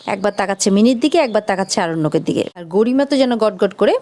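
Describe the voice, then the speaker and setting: Woman retelling a tv serial episode, lively, does all the voices. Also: medium pitch, fast talker. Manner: lively storytelling, voices each character. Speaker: serial recap narrator.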